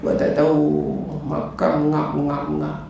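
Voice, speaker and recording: A middle-aged man with a Malaysian Malay accent, preaching in a lively mosque talk that jumps up and down in pitch as he acts out his stories. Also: takes it slowly, vocal fry, muffled recording. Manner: animated storytelling, acts out his wife and callers. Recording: echoey hall with faint noise.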